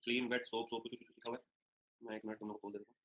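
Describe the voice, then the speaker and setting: A man's voice: medium pitch, little pitch movement, racing, muffled recording. A man teaching an online reasoning class, chatty and joking, calling students by name while running polls.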